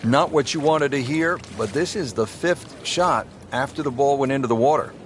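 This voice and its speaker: A man's voice: mid-range voice, normal speed. A man calling golf play-by-play, describing shots in short phrases. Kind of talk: golf commentary. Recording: light crowd and background noise. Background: faint crowd, outdoor ambience.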